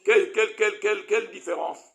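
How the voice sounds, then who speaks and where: A male rabbi gives an animated Torah lesson, questioning his listeners as he explains Hebrew terms. His voice is bright and forceful. It sits a little high for a man. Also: fast, gravelly.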